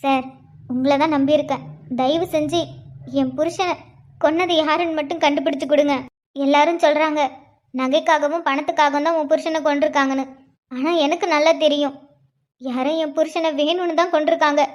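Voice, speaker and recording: Lady doing a heartbroken young widow, high voice, begging and near tears. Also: fairly even intonation, a little fast, pauses often, lightly acted. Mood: pleading. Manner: pleading, tearful and desperate. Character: grieving young widow and mother.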